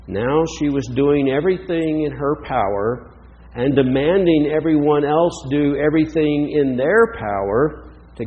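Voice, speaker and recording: A man delivers a reflective sermon at a slow, deliberate pace, his pitch moving expressively through each phrase. His voice carries the long reverb of a large hall. The recording sounds muffled and lo-fi. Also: warm tone. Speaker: preacher.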